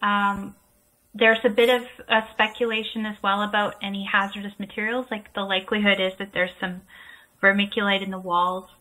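A woman consultant at a town council meeting, explaining cost estimates in a measured way with fillers, heard over a remote call. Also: medium pitch, level tone, sharp tone, rough recording. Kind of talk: meeting discussion.

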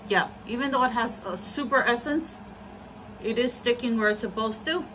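A woman's voice: fairly high pitch, moderate pace, fairly bright tone, rough recording. Woman talking through a face mask. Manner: chatty, self-mocking. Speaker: beauty vlogger. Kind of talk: casual product review. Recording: faint air conditioner hum. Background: air conditioner hum.

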